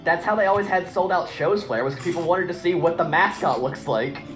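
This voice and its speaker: A man's voice: fairly high pitch, brisk, music in the background. A man making joking, rambling gameplay commentary, often searching for words.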